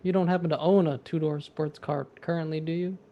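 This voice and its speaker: Guy running an online meeting, kinda higher voice, jokey side comments. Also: fairly even intonation, brisk, dull audio, a little hiss or hum. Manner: friendly, light teasing remarks. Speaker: meeting host. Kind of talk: casual meeting introductions.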